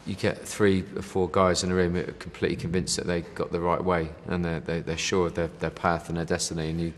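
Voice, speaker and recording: Low-voiced and level in tone, this man talks at a quick pace in a large hall. He's a band member in a casual interview, rambling along with plenty of fillers, "you know", and the occasional "mate".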